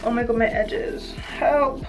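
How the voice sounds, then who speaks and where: A woman's voice: on the high side, normal speed, over music, low-quality recording. A woman vlogging casually about her routine, chatty and informal with self-deprecating asides. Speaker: beauty vlogger.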